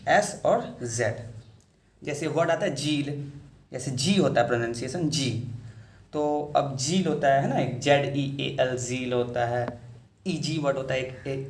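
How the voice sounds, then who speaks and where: A man's voice: medium pitch, gravelly. A man teaching a step-by-step lesson, patiently repeating each point and checking in with his students. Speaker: shorthand teacher. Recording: echoey room.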